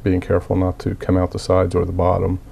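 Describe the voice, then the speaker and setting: A man's voice: low-pitched, monotone, fast talker, vocal fry, dark tone, breathy edge. A man recovering from a cold, coughing at times, plainly and methodically walking through a hobby build with frequent fillers. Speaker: miniature hobbyist. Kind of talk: casual tutorial walkthrough.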